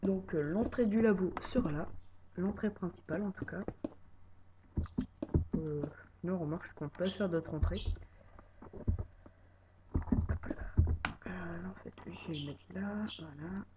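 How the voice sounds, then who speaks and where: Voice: medium pitch, measured pace, pauses often. A French-speaking gamer casually walking viewers through a building project, talking hesitantly with many filler words. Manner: hesitant, filler-heavy, many "voilà" and "euh". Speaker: YouTuber showing a building project. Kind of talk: casual game walkthrough commentary. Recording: dull lo-fi mic with steady noise.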